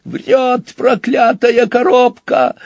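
A cheating storybook hog, nervous and whiny, always defending himself, voiced by a man reading aloud. His voice is raised and a little husky. The sound is dry. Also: on the high side, animated, moderate pace, darkish tone, no echo, pitched above the performer's own voice. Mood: shrieking.

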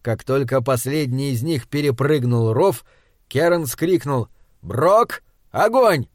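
A man narrating an audiobook in a measured, dramatic reading. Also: mid-range voice, darkish tone, no room sound, studio quality.

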